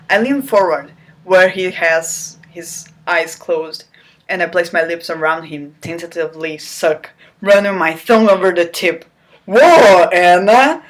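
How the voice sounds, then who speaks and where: On a low-quality recording, a woman with a fairly low voice delivers a mocking dramatic reading of a novel. She's theatrical and incredulous, stopping now and then for laughing commentary.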